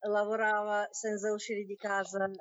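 A woman from Ukraine, a community representative, answering a live interview over a phone line and speaking haltingly while she searches for words. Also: mid-range voice, completely flat delivery, no room sound. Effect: heard over a phone line. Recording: dull lo-fi phone audio.

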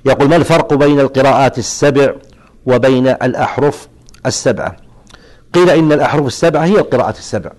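A middle-aged man in a scholar's lecture, answering questions one by one. He speaks at a mid pitch in a calm, measured way, pausing and restarting as he explains. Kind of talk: lecture Q&A on jurisprudence.

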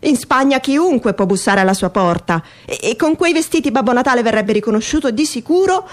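Reading a comic first-person essay aloud, a woman takes a wry, expressive, mock-earnest approach with theatrical flair. She speaks briskly, her voice pitched on the high side.

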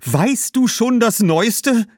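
A man voicing Cassia, an excited Roman woman eagerly spreading news and gossip in a high voice. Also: normal speed, no room sound, clean studio sound, lightly acted.

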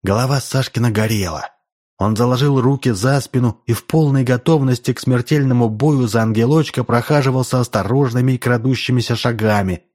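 A man narrating classic prose as an audiobook in a measured, expressive way. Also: medium pitch.

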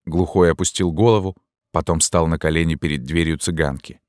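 A man narrating an audiobook in a measured, even storytelling manner. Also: very deep voice, no echo, studio quality.

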